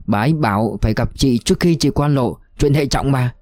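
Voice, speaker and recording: A young, deferential male scout reporting in hushed, hurried words, as a man reads him. The voice stays close to the reader's own, dark and mellow in tone. The recording is dry and close, with faint music underneath. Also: mid-range voice, no echo, lightly acted. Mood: hushed urgent.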